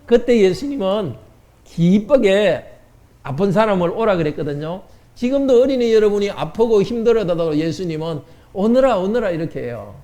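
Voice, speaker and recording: A man's voice: high voice, big pitch swings, fairly quick, warm tone. A man pastor giving a children's sermon in church, asking the children questions and answering them. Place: church sanctuary.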